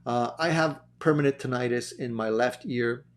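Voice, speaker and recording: A man's voice: medium pitch, moderate pace. A man hosting a gear video channel, talking casually to camera as he answers viewer questions, easygoing, with frequent fillers and restarts. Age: adult over thirty. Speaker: guitar gear channel host.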